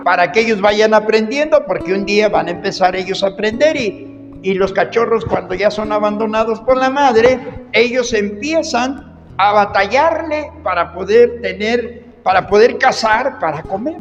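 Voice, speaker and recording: A male preacher giving an animated sermon in a church, repeating words and swinging between loud and hushed. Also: high voice, muffled recording. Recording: reverberant hall, faint music.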